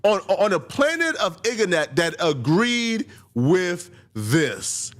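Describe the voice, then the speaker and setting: Male commentary host, casual, lively swinging delivery. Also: high-pitched, slow. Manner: animated, laughs easily, repeats for emphasis.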